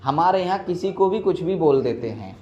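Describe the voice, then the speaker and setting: On a muffled lo-fi recording, an animated Bihari man speaks at normal speed in a mellow voice on the high side. Teaching with a Bihari Hindi accent, he jokes, tells stories, and checks that his students are following.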